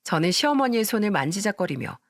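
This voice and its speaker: A woman's voice: mid-range voice, sing-song, fast, gravelly, no room sound, clean studio sound. A woman narrating a dramatized first-person family story, voicing every character herself.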